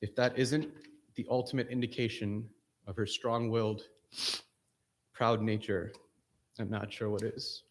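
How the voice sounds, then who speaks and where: A man delivering a personal funeral eulogy, earnest, pausing between short phrases. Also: on the low side, flat delivery. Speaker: family member giving a eulogy.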